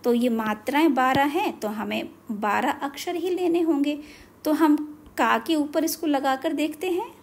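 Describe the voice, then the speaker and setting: A woman's voice: sits high, a little slow. A woman teacher giving a beginners' alphabet lesson, carefully spelling out each syllable one at a time.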